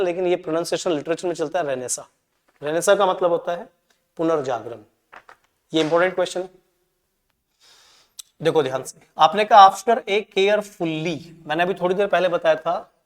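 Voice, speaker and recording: A man's voice: high voice, in a large hall. A man teaching English for exam preparation, going through answers and mixing Hindi explanation with read-out English lines. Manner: mixes Hindi with read-out English, often checks in with "ठीक है?".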